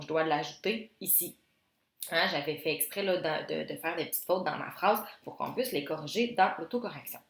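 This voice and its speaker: Woman teacher, lowish voice, methodical step-by-step delivery, roomy echo. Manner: explains step by step, asks herself questions. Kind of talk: classroom grammar demonstration.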